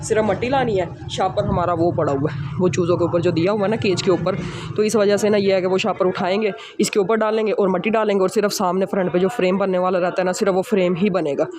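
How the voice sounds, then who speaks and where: Over a noisy background, a high-voiced man from Pakistan, speaking with a Pakistani Urdu accent, films a casual walk-through of his rooftop birds outdoors on a handheld camera in one hand. A bird breeder vlogger, he's panting from the stairs, talks chattily with repeated filler phrases, and handles the birds as he goes.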